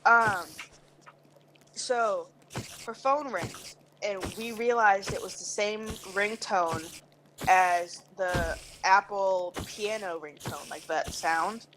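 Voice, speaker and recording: A woman's voice: medium pitch, slow pace, noisy background. A young woman telling a rambling school story with lots of fillers and self-corrections, casual talk with friends over an online game chat. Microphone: headset mic on the shoulder. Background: chickens clucking.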